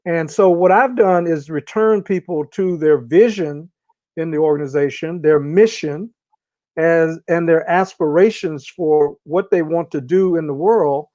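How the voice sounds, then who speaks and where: A man speaking as an interview guest, explaining ideas in a measured, deliberate way with long pauses. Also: on the high side, darkish tone, no echo, muffled recording. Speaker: interview guest, organizational consultant. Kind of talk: reflective conversational explanation.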